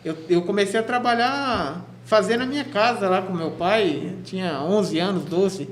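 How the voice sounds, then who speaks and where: A man's voice: sits high, a little slow. A man from São state, telling his story as a guest on a radio interview, chatty, with many restarts. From Cubatão, São Paulo state, Brazil. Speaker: guest, physical education teacher. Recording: echoey room with faint noise.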